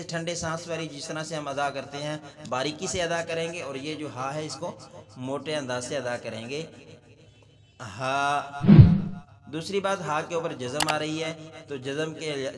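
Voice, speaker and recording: Man teaching recitation in an echoing hall. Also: on the high side. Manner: repeats each sound slowly and drawn out for the learner. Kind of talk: slow word-by-word recitation lesson.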